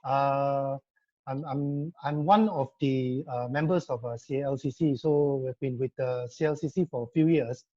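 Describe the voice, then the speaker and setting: A man's voice: medium pitch, unhurried, mellow. A man speaking on a live online law panel, hesitant with many fillers and restarts. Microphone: video call. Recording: dull lo-fi video call audio.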